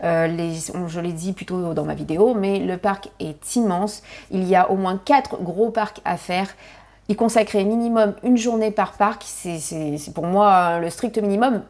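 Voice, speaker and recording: A woman with a French accent giving chatty travel advice in a casual vlog, lively, with frequent fillers and restarts. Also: mid-range voice. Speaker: family travel vlogger.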